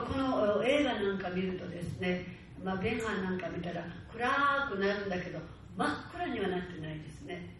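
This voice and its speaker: A woman's voice: mid-range voice, fairly bright tone. Fervent woman preacher in an echoey hall. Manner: fervent preaching, slow stresses, rising urgency. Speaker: pastor. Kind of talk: sermon. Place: church hall. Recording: far-off mic in echoey hall, faint hiss.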